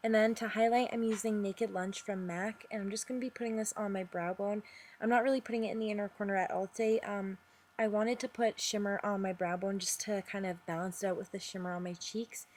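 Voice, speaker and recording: A young woman talking casually through her makeup routine in a voice-over, chatty and rambling, with fillers and quick apologies. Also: mid-range voice, steady tone, darkish tone, slight background noise. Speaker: makeup vlogger.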